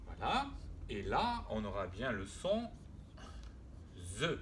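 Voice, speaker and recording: A man's voice: mid-range voice, wildly swooping pitch, a little slow, fairly bright tone, a little hiss or hum. A man teaching French spelling and pronunciation, patiently repeating words and sounds, with hesitations and self-corrections.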